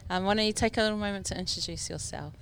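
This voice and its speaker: A woman's voice: mid-range voice, rapid-fire, a bit bright. A woman hosting a casual podcast interview in a Māori New Zealand English accent, informally mixing te reo Māori words into English. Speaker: podcast host.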